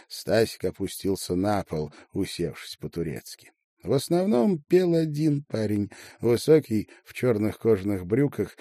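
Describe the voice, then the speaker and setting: Man narrating expressively in a dark voice. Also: on the low side, no echo, clean studio sound. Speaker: audiobook narrator. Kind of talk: scripted narration.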